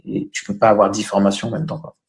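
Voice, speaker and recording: Low gravelly man chatting in an interview. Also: completely flat delivery, quick pace. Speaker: podcast guest, online business owner. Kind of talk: casual interview chat.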